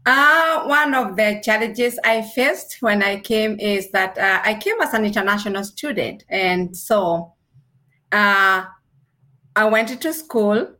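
A registered nurse from Kenya answers interview questions earnestly in a Kenyan accent, with measured pauses. Her voice is medium-pitched and sharp in tone.

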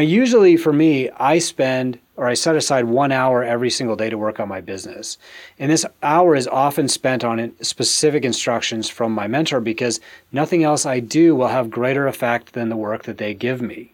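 A middle-aged man hosting a business advice show, delivering a scripted monologue in a tidy, structured and emphatic way with deliberate phrasing. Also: medium pitch.

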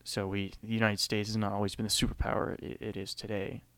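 A man's voice: fairly low pitch, completely flat delivery, fast, a bit bright, clear, resonant tone, dry recording. A man giving a casual, conversational history lecture, often saying "you know" and acting out quotes.

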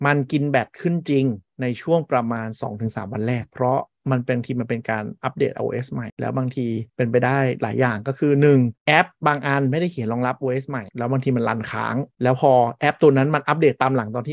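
A man hosts a relaxed tech talk and explains things bluntly, with offhand swearing. His delivery races along. The sound is dry and close. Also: mid-range voice, vocal fry, dry recording. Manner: rapid, blunt, swears casually. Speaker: podcast host. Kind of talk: casual tech chat.

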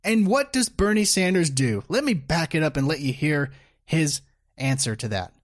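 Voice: medium pitch, expressive, moderate pace. A commentator reacting to a video clip in a sarcastic, mocking way. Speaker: political commentator.

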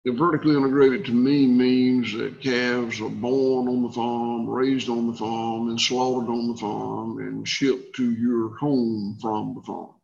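A man's voice: medium pitch, level tone, measured pace, creaky, hardly any pauses, a little mellow, lo-fi sound. A man with a Southern accent from Georgia, giving conversational interview answers as a farmer. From rural Georgia, US. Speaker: guest, farmer.

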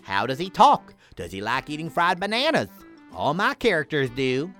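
A theatrical alien sidekick who believes he is the finest actor in the universe, voiced by a woman. He speaks in a grand, bossy way, with a bright tone and a pitch that swoops up and down. It is a lively children's audio drama character. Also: moderate pace, soft background music. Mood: grandiose. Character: pompous alien sidekick who thinks he's a great actor.

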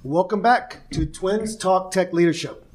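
A man's voice: high voice, measured pace, faint music behind. A man hosting an interview podcast, speaking in an upbeat, emphatic way and drawing out his introductions. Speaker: podcast host.

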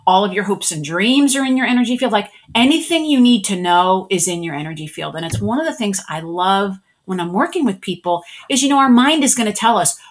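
A woman's voice: mid-range voice, expressive, brisk, hardly any pauses. A middle-aged woman, a spiritual energy worker, telling her life story in a casual interview and acting out her own past thoughts.

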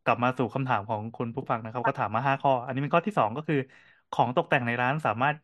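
Fast-talking podcast guy. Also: medium pitch, no room sound, clean studio sound. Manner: quick, animated storytelling with frequent fillers. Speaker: podcast co-host and cafe owner. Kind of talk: casual podcast chat.

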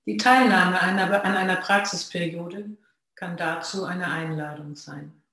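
A Zen practitioner gives a reflective dharma talk to a sangha, speaking in measured phrases with long pauses. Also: mid-range voice, creaky, pushed and bright. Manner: slow, measured, pausing between phrases. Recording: very echoey room.

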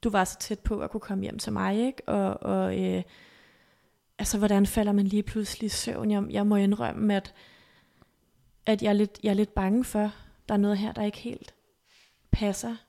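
A woman recounting a painful story as a podcast guest, her voice soft and halting. There is a gravelly fry in her delivery. Her pitch stays narrow and level. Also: level tone. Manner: soft, halting, emotional retelling. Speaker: interview guest. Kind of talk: personal storytelling.

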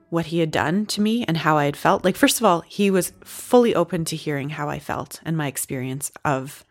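A woman being interviewed, talking candidly and conversationally about her experience. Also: low-pitched. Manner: conversational, frequent "like" fillers.

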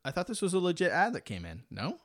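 A man's voice: high-pitched, huge pitch swings, fast. A man hosting a podcast in a casual, chatty style. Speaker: podcast host.

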